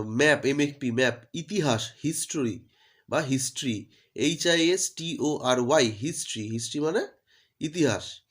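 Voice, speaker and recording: A man giving a vocabulary lesson, patiently spelling each word out letter by letter. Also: mid-range voice. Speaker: teacher.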